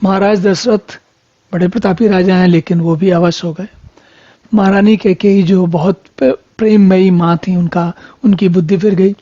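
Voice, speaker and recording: Husky mellow voice going through scripture verse by verse, chants slow then chats it out, dull lo-fi sound. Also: mid-range voice, steady tone. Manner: chants verses slowly, then explains in plain conversational talk. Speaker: scripture teacher. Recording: dull lo-fi recording.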